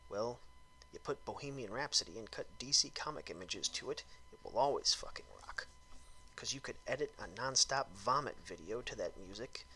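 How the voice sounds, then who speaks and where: A man performs a comedic, theatrical dramatic reading of a film review, exaggerating his emphasis and letting some phrases drop into breathiness. His mid-range voice has a sharp tone, and the low-quality recording carries slight background noise.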